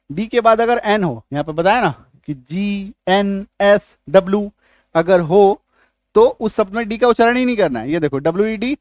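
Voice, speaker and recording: A man giving an English pronunciation lesson in a fairly high voice. He spells words out slowly letter by letter and keeps asking his class questions. The recording is dry and close, with no room sound. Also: dry recording. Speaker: English teacher.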